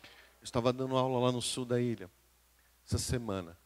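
Emphatic Brazilian pastor preaching. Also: male voice, medium pitch, fairly quick. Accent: Brazilian Portuguese. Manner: emphatic preaching that swings between hushed and loud, calling out to the congregation. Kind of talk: live sermon.

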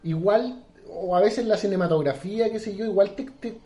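A young Chilean man with a high voice talks slowly on a podcast, stopping and restarting his thoughts and using slang. The sound is echoey, as if from a bare room. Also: dark tone. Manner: hesitant, trails off and restarts, slangy. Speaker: podcast co-host. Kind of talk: casual chat. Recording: roomy echo.

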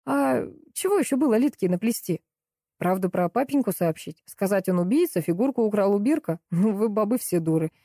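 A woman's voice: medium pitch, lively intonation, a little fast, warm tone, no room sound, clean studio sound. Woman voicing a sneering, rude man. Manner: sneering, blunt, jeering. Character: rude mocking middle-aged man, scornful writer.

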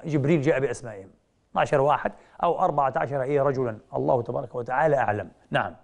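A man giving a televised religious lecture, telling stories with rhetorical questions and slowing down to quote traditions. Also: on the high side. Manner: animated storytelling, slows down to quote hadith; asks rhetorical questions with drawn-out "eh".

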